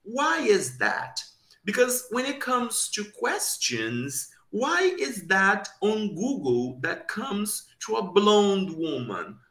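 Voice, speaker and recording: Young guy presenting on a webcam call, slow careful pace, echoey little room. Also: high voice, huge pitch swings, bright, forceful tone. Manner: slow, deliberate, lecturing with rhetorical questions. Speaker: conference presenter. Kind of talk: academic presentation over video call. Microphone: webcam on video call.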